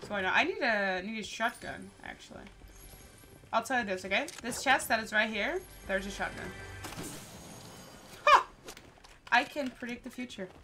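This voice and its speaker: A woman's voice: on the high side, moderate pace, long pauses, bright, forceful tone, soft background music. A young Dutch woman with a Dutch accent, chatting casually and laughing while she streams a game and reads her chat aloud. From Netherlands. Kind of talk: casual gameplay livestream chatter. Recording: clear background noise.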